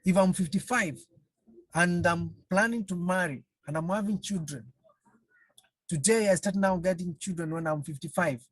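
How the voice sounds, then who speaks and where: In a video-call webinar, a counselling trainer talks slowly and haltingly at a medium pitch, repeating phrases and firing rhetorical questions at listeners. There's no room sound, though the recording quality is low.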